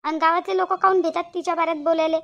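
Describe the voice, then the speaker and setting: A woman voicing a loud, quarrelsome middle-aged village auntie in a cartoon, firing off demanding questions. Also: level tone, muffled recording. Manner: demanding, shrill, rapid-fire questions. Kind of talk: cartoon voice acting.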